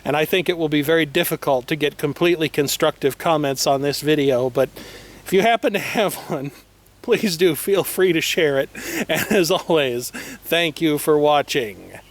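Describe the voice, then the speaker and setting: Standing by a vehicle in the wind, a video host with a voice on the high side talks at normal speed. He leans into verbose, mock-serious, tongue-in-cheek formality, and the outdoor audio carries audible wind and clear noise.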